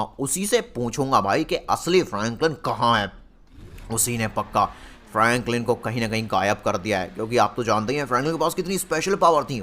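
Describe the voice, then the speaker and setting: Telling a video game story dramatically, this young man speaks straight to his audience and asks for their comments. He's a gaming YouTuber with a medium-pitched, fairly bright voice, narrating his gameplay with excitement.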